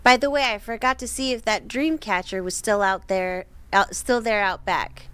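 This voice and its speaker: A woman hosting a channel, reading a scary internet story aloud, going hushed and eerie when she reads out the quoted voices. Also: medium pitch, fairly even intonation, normal speed, smooth, dry recording. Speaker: story reader and host.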